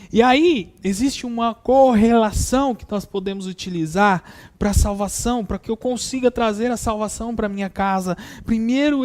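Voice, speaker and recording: A high-voiced man preaches a sermon, reading scripture aloud and repeating verses. He draws out key words and hits them with sudden loud stresses.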